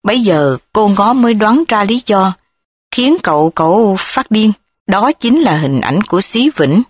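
A woman's voice: mid-range voice, a little slow, dry recording. Woman reading a story aloud, dry sound. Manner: steady storytelling. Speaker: audiobook reader. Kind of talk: scripted narration. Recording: dry close recording.

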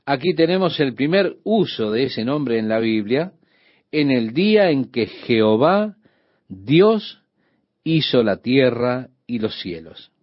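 Guy teaching a radio bible study, mid pitch, talks right to you, kinda muffled old audio. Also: slow pace, no echo. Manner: addresses the listener directly; steady explanatory teaching.

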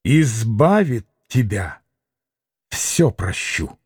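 A man voicing a bitter, venomous young woman who speaks slowly and poisonously, in an audiobook reading. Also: on the low side, sing-song, darkish tone, slightly rough, no echo, studio quality, voice pushed down, full character voice.

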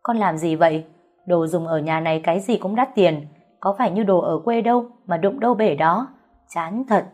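A woman voicing a stern, scolding older lady of the house who talks in sharp, cutting remarks. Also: fairly low pitch, normal speed, soft background music, natural voice.

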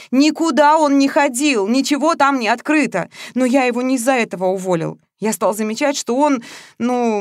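A woman's voice: a little high, no room sound, lightly acted. Audiobook: brusque, chatty middle-aged boss, read by a woman, dry close sound. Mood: insistent. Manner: mocking, brusque, colloquial. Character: blunt, talkative middle-aged businessman Matveev. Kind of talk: audiobook character voice.

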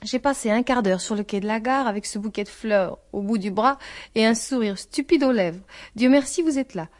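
A woman's voice: fairly high pitch, normal speed, darkish tone, natural voice. A lighthearted middle-aged father who talks breezily and cheerfully, as a female narrator reads his lines. His voice stays close to the reader's own.

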